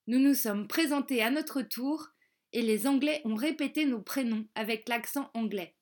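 A woman reading a children's storybook aloud, slow and careful, repeating words for young learners. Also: a little high. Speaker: audiobook reader.

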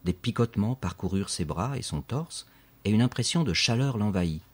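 A man reads a children's story aloud, his narration steady and expressive, his voice very deep with a husky, breathy grain. He paces the scenes like a seasoned audiobook reader and moves fairly quickly.

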